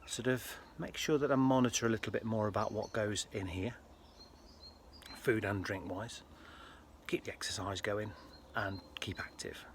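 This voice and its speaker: Speaking earnestly but haltingly, a British health vlogger with a fairly low voice chats with his audience in an informal personal video. His tone stays steady, with faint background noise audible throughout.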